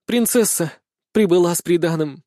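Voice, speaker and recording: A man's voice: sits high, animated, fast, no echo, studio quality, voice pushed up. A man reading an audiobook, voicing a shy, modest young girl bringing news. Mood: timid. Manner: soft, modest.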